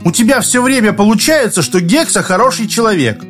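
A man's voice: high voice, animated, a little fast, soft background music, pitched above the performer's own voice. A man playing a sly lying boy bandit. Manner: grudging, evasive.

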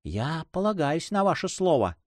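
A man voicing a shy young woman in love, speaking softly and tenderly. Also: a little high, sing-song, normal speed, no room sound, studio quality, pitched above the performer's own voice. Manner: soft, hushed, tender.

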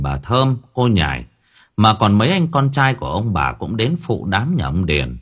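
A man reading a story aloud as an audiobook narrator, in an expressive, dramatic style. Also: fairly low pitch. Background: faint music.

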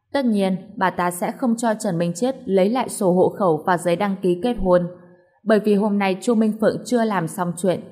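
A woman's voice: mid-range voice, a little mellow. Woman narrating a story steadily.

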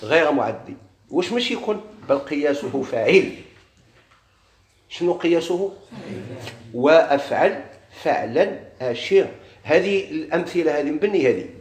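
Echoey Moroccan grammar teacher quizzing students. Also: male voice, a little high, expressive. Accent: Moroccan Arabic. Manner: quizzes students, drags out example words slowly. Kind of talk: classroom grammar lesson.

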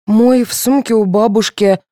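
A woman's voice: on the high side, steady tone, normal speed, mellow, no echo, studio quality, pitched above the performer's own voice, natural voice. A woman voicing a polite, compliant teenage girl in an audiobook, earnest and eager. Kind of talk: audiobook character voice.

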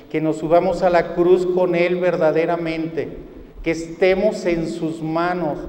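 A man with a Mexican Spanish accent preaching a sermon at a retreat, swinging from hushed to loud and acting out quoted prayers. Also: on the high side. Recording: roomy hall with long reverb.

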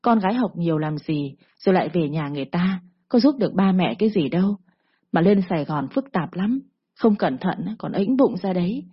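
A woman voicing a sharp-tongued, meddling aunt in a scolding, nagging manner. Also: fairly low pitch, lively intonation, a little fast, slightly rough. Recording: dull lo-fi recording.

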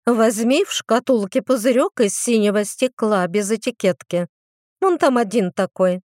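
Woman doing a playful mom, teasing, flirtatious, drawn-out, high and bright. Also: dry recording, studio quality, lightly acted.

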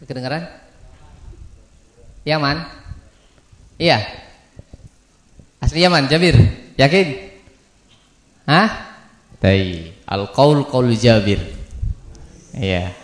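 An Indonesian man teaching a religious study class, quizzing his students and slowly spelling out names. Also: medium pitch, roomy sound. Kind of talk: classroom lesson with questions to students. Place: study hall.

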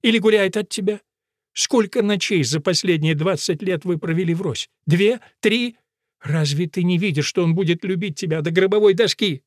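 A wistful, pleading middle-aged village woman from a storybook, voiced by a male reader in a raised, lighter pitch. Her lines sound earnest and confessional. The recording is close and dry. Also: normal speed, no room sound, lightly acted.

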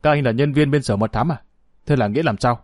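A man's voice: mid-range voice, fast, no echo, clean studio sound, lightly acted. A man voicing a stern older male colonel who questions and commands. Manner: stern, interrogating.

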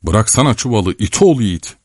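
Man playing a cranky storekeeper yelling, audiobook, dry close sound. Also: on the low side, big pitch swings, normal speed, no room sound, pitched above the performer's own voice. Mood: exasperated. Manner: loud scolding. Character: gruff exasperated older male storekeeper.

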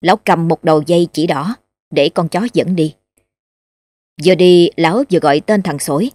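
Low-voiced woman telling a ghost story. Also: normal speed, a little mellow, no room sound. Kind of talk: scripted ghost story narration.

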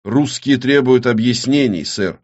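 Man doing a gruff older naval captain. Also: mid-range voice, unhurried, a little mellow, pitched above the performer's own voice, natural voice. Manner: gruff, curt military replies. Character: older male destroyer captain, experienced and gruff. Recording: dull lo-fi recording.

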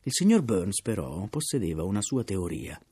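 A man reading a novel aloud in measured literary narration, his voice sinking softly at the ends of phrases. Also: sits low, big pitch swings, breathy edge. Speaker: audiobook reader.

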